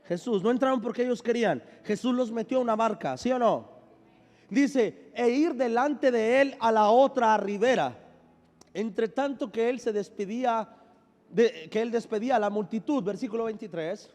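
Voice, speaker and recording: A man's voice: very high voice, moderate pace, darkish tone. A man pastor preaching a sermon, leading the congregation in call-and-response with joking asides, sounding a bit unwell. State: unwell, says he is sick. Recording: long hall reverb.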